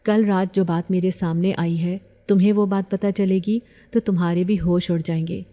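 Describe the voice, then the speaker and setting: A woman's voice: lowish voice, fairly even intonation, dark tone, natural voice. A woman voicing an earnest, protective young educated man in an audio story, speaking urgently. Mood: worried.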